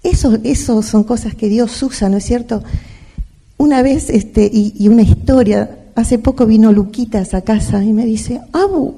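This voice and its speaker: A woman's voice: a little high, normal speed, dark tone. An older woman with an Argentine accent, giving a devotional talk to a women's church meeting, telling personal stories and often checking in with her listeners. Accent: Argentine Spanish. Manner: storytelling, often asks "¿no es cierto?".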